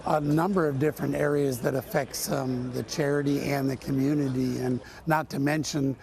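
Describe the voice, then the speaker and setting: A man tournament director answering interview questions in a halting way, pausing often with ums. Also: mid-range voice, fairly even intonation, gravelly, a little mellow.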